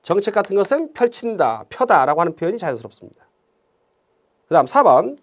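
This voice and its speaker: A man teaching exam Korean grammar in a lecture, often putting quick questions to his students. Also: high-pitched, very animated. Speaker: civil service exam Korean instructor.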